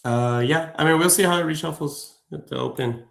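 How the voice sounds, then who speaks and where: A man's voice: a little high, a little fast, creaky. A man hosting a live trading stream, chatting loosely with viewers and friends, full of fillers and slang. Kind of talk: casual livestream chat.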